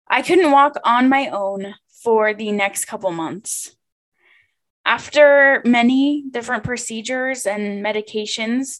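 Slow, higher-pitched woman, chatty podcast host. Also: fairly bright tone. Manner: chatty, informal, confiding. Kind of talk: personal podcast monologue.

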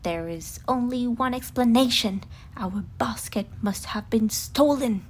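Woman as a bossy storybook rabbit, emphatic, commanding, fairly high voice, noisy background. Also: measured pace, close to an everyday voice. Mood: certain. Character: bossy, organised male rabbit, head baker.

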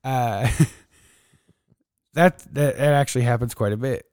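A man's voice: medium pitch, slow, a little mellow, clear, resonant tone, dry recording, clean studio sound. A man working as a corrections officer, a podcast guest telling blunt, profane stories in casual chat.

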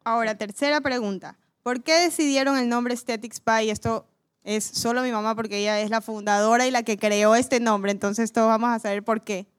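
A young woman with a slightly higher voice hosts a casual conversation, moving it along with her questions. She tells stories in a lively, playful way. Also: brisk, clean tone. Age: young adult. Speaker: host asking the questions. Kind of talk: casual chat, hosting.

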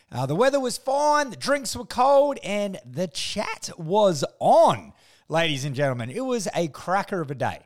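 A man with an Australian accent hosting a podcast in slangy, sweary, blokey tradesman style, telling stories casually and comically. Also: high-pitched. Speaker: podcast host. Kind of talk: casual comic monologue and storytelling.

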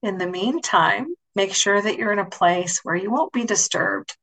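A woman's voice: medium pitch, moderate pace, gravelly, fairly bright tone, poor audio. A woman wellness instructor talking conversationally as she explains and introduces relaxation techniques. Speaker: wellness instructor and nurse coach.

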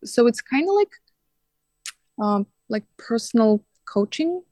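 On a casual podcast, a female guest who coaches and teaches talks in an earnest, animated way, her Russian first language showing in slightly non-native phrasing and fillers. She speaks slowly in a high-ish voice with a dark tone, and the sound is dry with no room sound.

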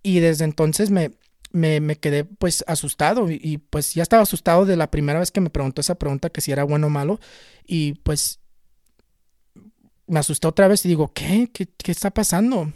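A man telling a personal story in a casual, halting way, often repeating and restarting words. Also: fairly high pitch, darkish tone, no echo, studio quality. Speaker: channel host recounting a spiritual experience.

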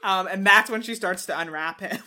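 Bright-voiced woman laughing through movie talk. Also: medium pitch, brisk. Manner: laughs often, retells scenes. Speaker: podcast co-host. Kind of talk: casual chat reviewing a movie.

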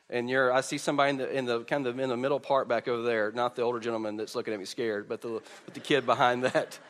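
A male pastor speaking into a pulpit microphone during a sermon, halting and repeating words, with joking asides while leading children through an object lesson. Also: medium pitch, a bit bright, long reverb tail. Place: church sanctuary.

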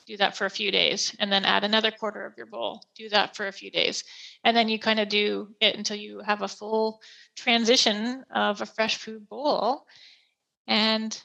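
Woman, podcast host, chatty explainer, bright tone, noticeable creak. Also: medium pitch, level tone, moderate pace, rough recording. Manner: chatty, plain-spoken explaining with quoted anecdotes. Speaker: podcast host and pet food store expert. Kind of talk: casual explanatory podcast chat.

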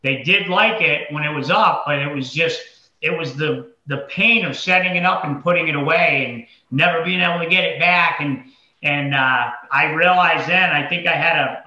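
A man with a Massachusetts accent and a slightly high, sharp voice tells his story as an entrepreneur guest in an interview. He speaks casually, in a colloquial, folksy way. The recording sounds dull and lo-fi, with a roomy echo.

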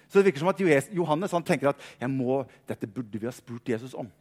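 Man preaching lively in a reverberant hall. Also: fairly high pitch. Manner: lively storytelling, acting out quoted voices, repeats words. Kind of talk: sermon.

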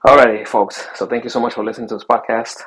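A man's voice: medium pitch, little pitch movement, fast, noisy background. A young man from Chile hosting his own podcast as a new father, talking casually with many fillers and restarts. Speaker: podcast host. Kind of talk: casual solo podcast talk.

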